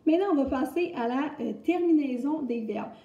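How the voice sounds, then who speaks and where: A young Québécois woman teaches grammar in a chatty, step-by-step way with lots of fillers. Her voice sits a little high but sounds dark and mellow. The recording is muffled and echoes around the room. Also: expressive, a little fast. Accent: Québécois French. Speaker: French teacher.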